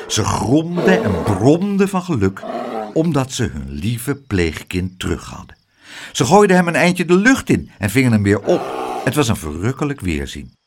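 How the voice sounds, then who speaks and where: A man reading a children's storybook aloud in a lively, expressive way. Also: medium pitch, background noise.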